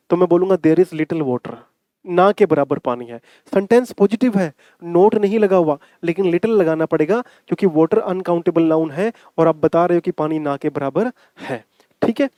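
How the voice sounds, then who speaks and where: A man teaching English grammar for exams, coaxing students and checking "ठीक है?" often, reading his English examples slowly. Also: sits high, warm tone, dry recording. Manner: coaxing, repeats points, asks 'ठीक है?' often; slow drawn-out English example sentences. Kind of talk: exam-prep grammar lesson in Hindi with English.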